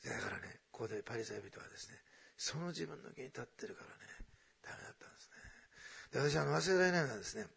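A middle-aged man preaching a sermon with a heavily gravelly, husky voice and a bright, forceful edge. He talks fast, dropping to hushed near-whispers and then rising into loud, excited storytelling. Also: medium pitch. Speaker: pastor.

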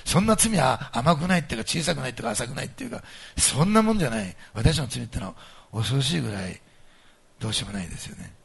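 Rapid-fire and husky, with vocal fry in his medium-pitched voice, this man preaches a sermon to his congregation. He is animated and emphatic, alternating quiet asides with loudly stressed points.

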